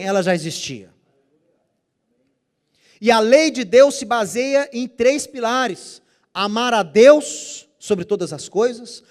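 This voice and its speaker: A teacher with a high-pitched male voice leads a Bible study lecture, explaining things carefully and pronouncing Hebrew terms with deliberate care. He poses rhetorical questions to his listeners and then answers them himself.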